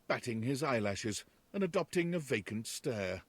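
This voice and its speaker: An actor playing a narrator, reading scripted stage descriptions in a video game. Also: male voice, medium pitch, very animated, normal speed, dry recording. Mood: descriptive. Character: male narrator describing characters' coy gestures.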